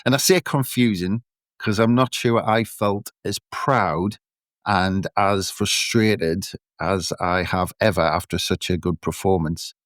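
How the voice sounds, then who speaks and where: A man's voice: sits low, measured pace, no echo, clean studio sound. A man casually hosting a football podcast and introducing his guests. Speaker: podcast host.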